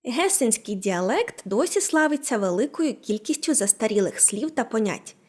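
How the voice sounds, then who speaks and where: A woman narrating a scripted language lesson, explaining with clear, careful enunciation. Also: fairly high pitch, sing-song, normal speed, a little hiss or hum. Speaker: language teacher.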